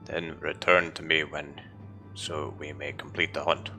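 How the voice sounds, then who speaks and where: A man's voice: rumbling low, flat delivery, unhurried, pushed and bright, full character voice. A man reading out the lines of a stern male barbarian hunt leader in a commanding, solemn way. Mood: urgent. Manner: commanding, solemn read-aloud delivery. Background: game music.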